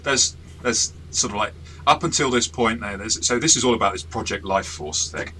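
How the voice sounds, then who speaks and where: A man with a very low voice talks casually as a game master reviewing an adventure he ran, at a moderate pace. He sounds bright and forceful, chatty and self-deprecating, and often restarts sentences. The audio is poor, with a faint hiss behind him.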